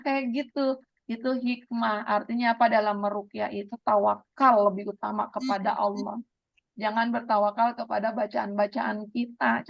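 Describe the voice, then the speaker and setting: A woman teaching an online study circle, calm and explanatory, asking her listeners to speak up. Her voice sits a little high with a gravelly edge. The video call sound is dull and lo-fi. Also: no room sound. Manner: explains calmly, asks the listeners to share. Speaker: Islamic teacher. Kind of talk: online religious study lesson.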